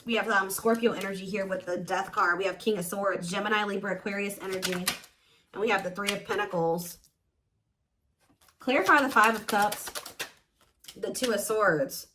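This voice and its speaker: Speaking at medium pitch and a moderate pace, the woman pauses often against a noisy background. She is a host doing an informal, intuitive tarot reading for her viewers, emphatic and conversational, saying things again for emphasis.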